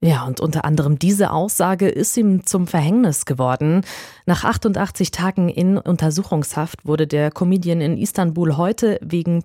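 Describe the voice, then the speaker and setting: Female radio host, calm and articulate, deep warm voice, dry studio. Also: no room sound. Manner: calm, friendly, articulate presenting. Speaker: radio culture show host. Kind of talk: scripted radio moderation.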